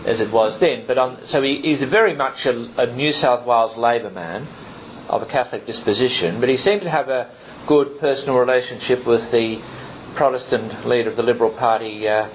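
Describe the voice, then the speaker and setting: A man chairing a book talk, casual and halting, with many fillers and restarts. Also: mid-range voice, a little hiss or hum, rough recording. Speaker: event chair. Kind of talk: casual hosting and Q&A. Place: lecture room with an audience.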